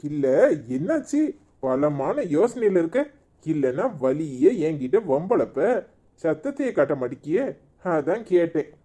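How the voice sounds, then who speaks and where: A man's voice: fairly high pitch, sing-song, measured pace, mellow. A man voicing a scolding village husband torn between two wives, with a Tirunelveli Tamil accent. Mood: prodding. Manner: scolding, name-calling. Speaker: voice actor in a cartoon comedy. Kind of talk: village cartoon drama.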